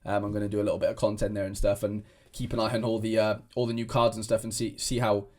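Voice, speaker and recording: A man's voice: lowish voice, little pitch movement, fast, darkish tone. Rambling young man. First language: Welsh. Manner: rambling, many restarts and fillers. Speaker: fantasy football content creator. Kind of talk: casual chat to camera.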